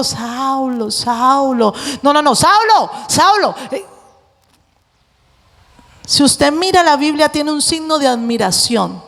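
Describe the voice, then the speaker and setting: A woman preacher giving a lively sermon, acting out voices and joking with the congregation. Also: extremely high pitch. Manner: animated, acts out voices, jokes with the congregation. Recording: long hall reverb.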